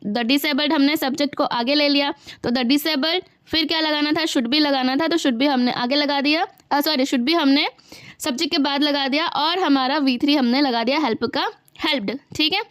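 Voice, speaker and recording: A woman teacher explaining grammar for exam preparation, asking students whether they follow and reading example sentences slowly. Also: high-pitched, a bit bright, dry recording, clean studio sound. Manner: explains step by step, asks students if they understand; reads English example sentences slowly and deliberately. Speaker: English teacher. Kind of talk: exam-prep grammar lesson.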